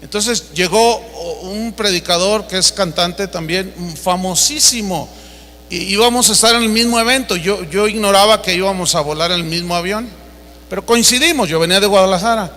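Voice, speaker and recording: Preacher, very high bright voice, emphatic storyteller, roomy hall reverb. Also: male voice, normal speed, slight background noise. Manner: storytelling, emphatic, direct address to the congregation. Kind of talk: sermon.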